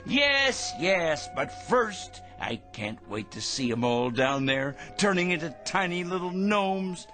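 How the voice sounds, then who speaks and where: Playing a pompous, paranoid megalomaniac for a radio drama, an actor rants theatrically with feverish excitement in an exaggerated, high-pitched male voice. He speaks slowly with few pauses over music, in a giddy, exultant mood.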